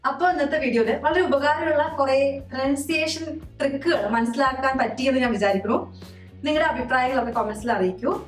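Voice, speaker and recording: A woman teaching English pronunciation, slowing down to repeat words syllable by syllable. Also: high-pitched. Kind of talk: spoken-English lesson for Malayalam speakers. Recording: echoey room, from a distance, soft music behind.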